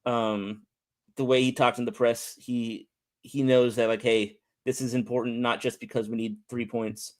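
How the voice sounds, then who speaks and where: A man's voice: medium pitch, little pitch movement, moderate pace. A man with an American accent chatting casually as an interview guest, often repeating words as he thinks. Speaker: podcast guest, soccer fan.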